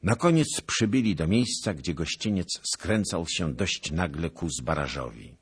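A man's voice: low voice, lively intonation, a little slow, husky. A man giving dramatic scripted audiobook narration that swells with the action.

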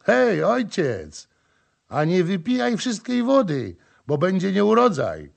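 A man's voice: medium pitch, lively intonation, a little slow. A man voicing a proud, cheerful boatman who boasts and jeers in an audiobook. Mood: jeering. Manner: boastful, mocking laughter.

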